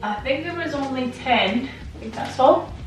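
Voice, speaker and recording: With a high-pitched voice and lively intonation, an Estonian woman talks at a normal speed in a very noisy setting. She's a nail technician and home vlogger, narrating casually and playfully to herself and her audience while she tidies.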